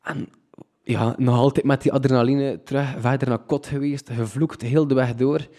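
A young man with a Flemish accent, excitedly telling a personal story with many restarts. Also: medium pitch, moderate pace. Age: young adult.

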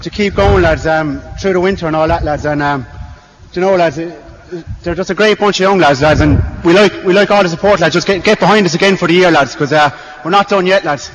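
A young Irish man, a team captain, giving a halting off-the-cuff victory speech, saying "lads" constantly. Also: fairly high pitch. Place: outdoor sports ground. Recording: public address echo, faint background noise.

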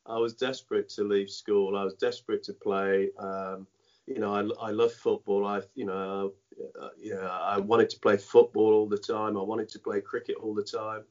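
Raised in Dominica with Dominican French patois as his first tongue, this former cricketer reflects on his life as an interview guest. His fairly low, darkish voice barely moves in pitch, and he halts, restarts, and circles back with many "you know" fillers. The audio is dull and lo-fi, like a muffled line.

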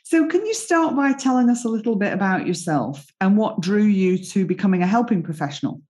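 Introducing her guest and posing encouraging questions punctuated by frequent affirming yeahs, a woman hosts a podcast interview. Her voice is medium-pitched with a darkish tone, and she speaks expressively and fairly quickly.

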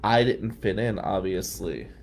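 A middle-aged man from New Jersey tells a long personal story on a live stream, drifting into tangents as he goes. His voice sits fairly low and has a gravelly, fry-laden edge. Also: unhurried, slight background noise. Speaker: host.

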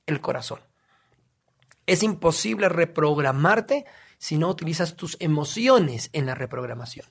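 A man's voice: fairly high pitch, animated, unhurried, vocal fry, breathy edge. A man, a guest in a casual podcast, explaining emphatically and asking himself questions he then answers.

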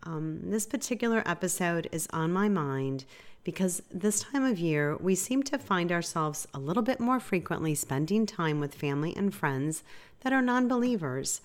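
Lady podcast host with a low voice, bit stuffy from a cold, earnest chatty devotional talk. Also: lively intonation, moderate pace. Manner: earnest, conversational, self-deprecating.

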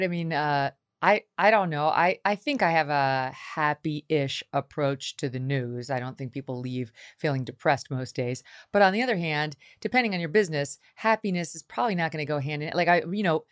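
A woman hosting an interview podcast, talking in a chatty, animated way with quick asides. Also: low voice, dry recording, clean studio sound. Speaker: podcast host. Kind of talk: casual interview chat.

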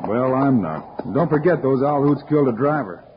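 An actor playing a steady, determined lawman hero in an old radio western. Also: medium pitch, moderate pace, natural voice. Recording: noisy, muffled old radio recording.

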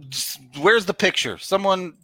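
A man's voice: sits high, expressive, measured pace, sharp tone, dry recording, poor audio. A man hosting a sports podcast, talking casually and reading sponsor spots himself. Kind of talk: casual sports podcast talk with host-read ads.

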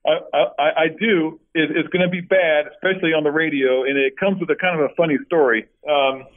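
A middle-aged man talking over a tinny, phone-like line, his voice sitting a little high. He tells stories in a casual interview, often restarting his sentences. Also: fairly quick. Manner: storytelling, many restarts, animated when quoting. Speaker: former college basketball player, guest.

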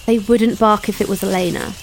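A woman playing a gravelly, reassuring dog handler. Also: mid-range voice, steady tone, brisk, a little hiss or hum, close to an everyday voice. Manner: reassuring, gentle. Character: calm woman with dogs, peacemaker. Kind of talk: audio drama acting.

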